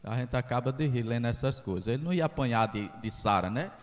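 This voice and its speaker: A male parish priest with a Northeastern Brazilian accent, preaching a homily at mass, slow and emphatic, with folksy asides and rising loud on key phrases. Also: medium pitch, lively intonation. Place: church. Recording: church hall reverb.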